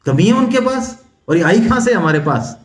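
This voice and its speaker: A man giving a spiritual lecture on the Gita, coaching Sanskrit pronunciation and chanting the verses slowly. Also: sits high, animated, roomy sound. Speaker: Gita teacher. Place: seminar hall.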